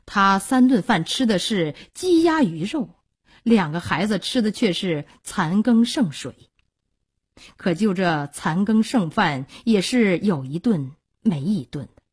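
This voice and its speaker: A woman performing traditional Chinese storytelling, expressive and dramatic, with a breathy, husky voice. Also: mid-range voice. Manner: expressive, dramatic, with many drawn-out pauses.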